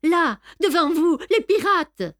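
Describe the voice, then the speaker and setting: A woman's voice: very high voice, very animated, takes it slowly, no room sound, studio quality, pitched above the performer's own voice, heavily acted. Tartarin, a woman doing a frantic boastful hero. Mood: alarmed shouting. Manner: shouting in alarm. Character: excitable boastful middle-aged man hero.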